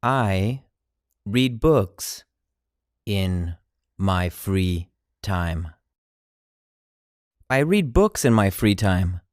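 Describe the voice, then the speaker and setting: Teacher voice for phrase drills: slow, chunked repetition, dry close sound. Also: sits low, lively intonation, dry recording. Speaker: language teacher.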